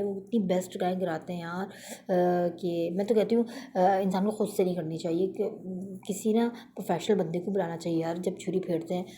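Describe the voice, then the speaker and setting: Young woman vlogger, chatty storyteller, warm low voice, faint background hiss. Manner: chatty, storytelling with many fillers. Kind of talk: casual vlog voice-over narration.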